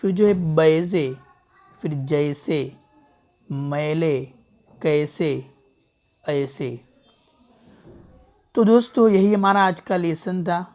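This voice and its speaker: Slow, patient male language teacher. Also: a little high, darkish tone. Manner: patient, drills sounds by contrasting wrong and right pronunciation; repeats words slowly for learners. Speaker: Urdu teacher. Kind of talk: online language lesson. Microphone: small clip-on mic.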